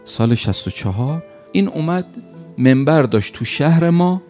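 A man telling a religious story as a preacher, animated and pausing for effect. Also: a little high, soft background music.

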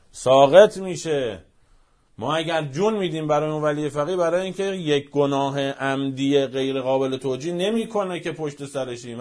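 Male speaker, mid-pitched, fiery rhetorical delivery that drops to near-whispers between outbursts. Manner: fervent, rhetorical, swings from shouting to near-hushed. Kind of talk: impassioned speech.

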